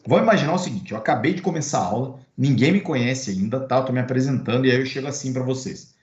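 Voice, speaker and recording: A man's voice: mid-range voice, fast talker, a little mellow. A man with a Brazilian Portuguese accent giving an online lecture as course instructor, conversational with many fillers and checking tags. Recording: roomy, dull recording.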